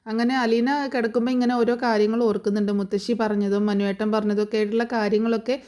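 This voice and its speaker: A woman's voice: fairly high pitch, warm tone. A woman casually retelling a TV serial episode, chatty, with many fillers and tag words.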